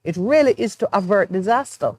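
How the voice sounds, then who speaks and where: A woman's voice: mid-range voice, lively intonation, brisk, a little mellow, breathy edge. A woman co-hosting a morning talk show, explaining her views in an earnest, reflective way. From Jamaica. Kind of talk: studio talk show discussion.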